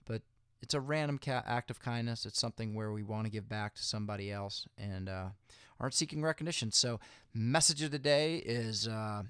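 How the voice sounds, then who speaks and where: Man giving a clear-voiced motivational pep talk. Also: on the low side, a little fast, fairly bright tone, no echo, clean studio sound. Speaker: host of a motivational video series.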